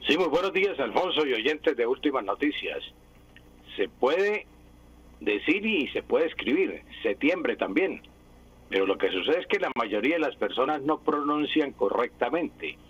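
A man's voice: medium pitch, slightly rough. A man, a language expert on a radio show, patiently explaining pronunciation and repeating words to demonstrate them. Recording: dull lo-fi radio sound.

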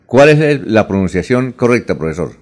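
A man's voice: on the low side, big pitch swings, normal speed, a little mellow. A man hosting a radio program, reading listener questions aloud and passing them to the professor. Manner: reads questions aloud, then hands off to the professor.

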